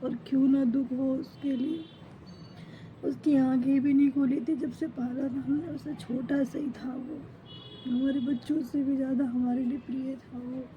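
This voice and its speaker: A woman's voice: sits high, level tone, measured pace, lo-fi sound, noisy background. A middle-aged woman, a mother grieving for a lost pet, talking in short, broken phrases. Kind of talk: emotional personal account to camera.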